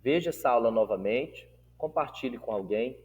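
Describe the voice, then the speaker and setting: A man's voice: mid-range voice, lively intonation, moderate pace, darkish tone, long reverb tail, a little hiss or hum. A man teaching a Portuguese grammar lesson. He stretches words out syllable by syllable when modelling them and checks in with his students through questions. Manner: asks the class rhetorical check-in questions. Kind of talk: recorded classroom lesson.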